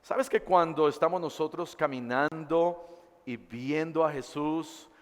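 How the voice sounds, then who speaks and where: A male pastor preaching a sermon and reading scripture aloud, dramatically swinging between loud and hushed delivery. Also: fairly high pitch, slow pace, in a large hall. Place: church.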